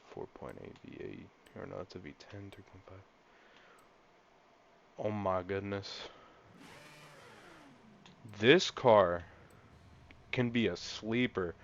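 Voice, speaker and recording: A young man with a fairly low voice gives casual gameplay commentary, rambling and getting excited as a car enthusiast. The recording is a bit dull and lo-fi, like a cheap mic. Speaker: gaming channel host.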